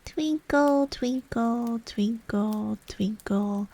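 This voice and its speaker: A woman voicing a sleepy little male dormouse with a hoarse, feeble voice, in a storybook. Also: fairly high pitch, extremely slow, dark tone, no room sound, pitched above the performer's own voice, heavily acted. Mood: singing in sleep.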